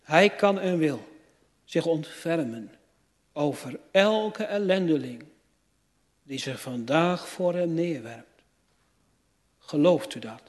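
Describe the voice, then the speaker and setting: Male preacher, rather high voice, slow and emphatic delivery of a sermon, recorded with long church-hall echo. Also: expressive. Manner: slow, emphatic preaching with rising fervent appeals.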